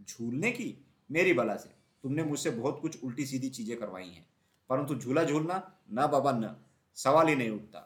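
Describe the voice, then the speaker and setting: Storybook crow, male, fussy and loud, played by the reader, nervous and bossy. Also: mid-range voice, lively intonation, moderate pace, lightly acted. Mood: agitated. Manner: loud, shouting and scolding.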